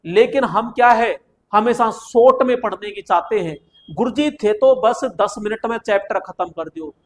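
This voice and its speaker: High-voiced man teaching an exam-prep class. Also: moderate pace. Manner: chatty, asks students questions and answers them himself; repeats phrases for emphasis. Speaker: coaching teacher.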